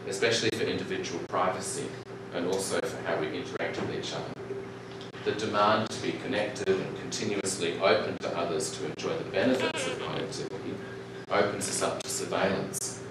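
Deep-voiced man lecturing in an echoey hall. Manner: measured, reflective, with restarts and ums. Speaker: keynote speaker. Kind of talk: conference keynote lecture. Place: large lecture hall, indoors. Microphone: podium mic, recorded by far camera. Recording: echoey hall from far off, loud noise.

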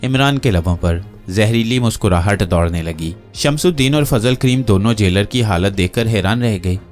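A man's voice: lowish voice, expressive, moderate pace, faint music behind. A man reading a novel aloud as narrator, steadily telling the story and voicing every character. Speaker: audiobook narrator.

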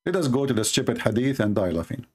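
This debate host speaks fast at a medium pitch, with lively intonation and a darkish tone. Arabic is his first language, and during the heated screen-share commentary he reads texts from the screen with combative mockery.

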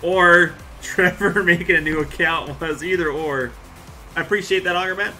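A laid-back man chatting with his stream audience while he plays, rambling and joking along. His voice sits a bit high and comes across bright and forceful. Faint music plays behind him. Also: moderate pace. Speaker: farming game live streamer. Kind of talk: casual live-stream chat with viewers.

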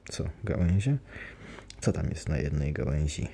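A man's voice: rumbling low, normal speed, vocal fry, dark tone, slight background noise. A man voicing an obsessive, manic masked man who talks feverishly and boasts, in an ASMR bedtime storybook reading. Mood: wheedling. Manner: feverish, wheedling, then boastful.

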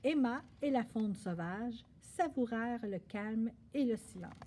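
A woman reading a picture book aloud at a library story hour, expressive and animated. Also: on the high side, measured pace, slight background noise.

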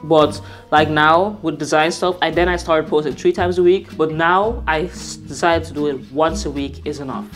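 A woman's voice: sits low, steady tone, normal speed, few pauses, faint music behind. A young woman talking casually to camera as a vlogger and designer, candid and rambling, often correcting herself mid-sentence. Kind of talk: casual to-camera vlog talk.

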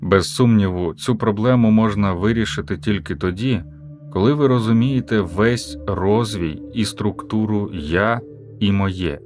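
A man with a fairly low voice reads a philosophical talk aloud as an audiobook. His delivery is measured and emphatic, built on rhetorical questions. Soft music plays quietly behind him. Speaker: audiobook narrator.

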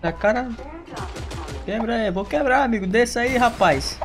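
A man with a Brazilian accent, a gaming YouTuber giving chatty, excitable gameplay commentary and laughing often. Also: extremely high pitch, measured pace, over music. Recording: noisy background.

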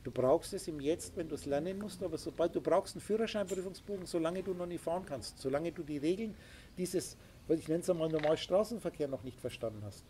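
A man's voice: on the high side, animated, fast talker, mellow. A man lecturing a small group as their spiritual teacher, emphatic and insistent, with faint noise behind him. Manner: emphatic, lecturing, with sound effects.

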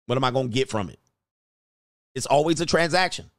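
A man's voice: mid-range voice, expressive, brisk, dry recording, studio quality. A man hosting a casual reaction show, telling jokes in slang, acting out quotes and laughing often. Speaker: commentary channel host.

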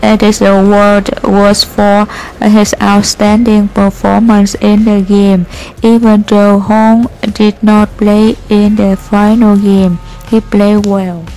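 A woman reading textbook passages aloud for listening practice, slow and careful, with frequent hesitant fillers. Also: mid-range voice, flat delivery, a little mellow, faint music behind, low-quality recording. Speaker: reader of listening practice texts.

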